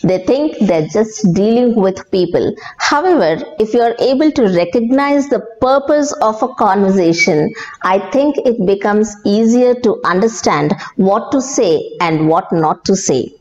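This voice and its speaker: A woman's voice: medium pitch, animated, a little slow, a little mellow. A woman with an Indian accent explaining communication skills to camera as a presenter. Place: bare small office, seated. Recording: echoey room, dull sound, faint noise.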